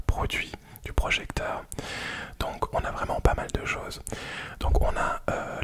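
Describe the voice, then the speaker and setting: A man whispers softly and quietly, as if at night, presenting a product in an informal, hesitant ASMR unboxing style.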